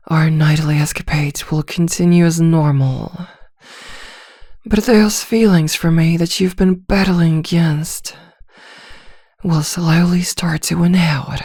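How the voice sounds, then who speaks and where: In an ASMR roleplay, a woman plays a seductive, domineering vampire hypnotist, speaking softly and deliberately with teasing command. Her voice is low and heavily acted, recorded in studio quality with no room sound.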